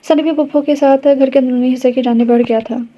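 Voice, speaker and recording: A woman narrating a romance novel in a steady, quick reading. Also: sits high. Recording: dull lo-fi audio.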